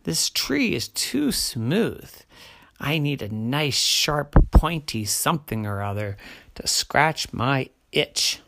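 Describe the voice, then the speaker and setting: A storyteller voicing a big, itchy female bear who pleads and exclaims in drawn-out, dramatic phrases for a children's bedtime story. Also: medium pitch, sing-song, creaky, fairly bright tone, exaggerated voice. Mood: pleading.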